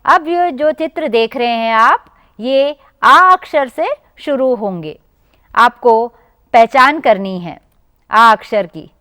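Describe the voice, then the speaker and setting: Woman teacher, Indian Hindi accent, high clear voice, slow careful speech, dry studio sound. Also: lively intonation, bright, forceful tone, no echo. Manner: slow, drawn-out pronunciation, addressing children directly. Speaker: primary school teacher. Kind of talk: televised classroom lesson.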